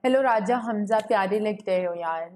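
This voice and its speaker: A woman's voice: mid-range voice, normal speed, a little mellow. Young woman, giggly, chatty, live-stream webcam chat. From Pakistan. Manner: giggly, chatty, greets viewers and reads chat aloud. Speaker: gaming livestreamer. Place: home room with a ring light. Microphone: webcam setup.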